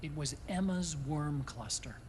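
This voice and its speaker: A man's voice: a little high, animated, measured pace, background noise. A man playing an earnest, brainy tech expert who explains things sincerely in a video game. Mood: explanatory, reflective. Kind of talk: video game cutscene acting.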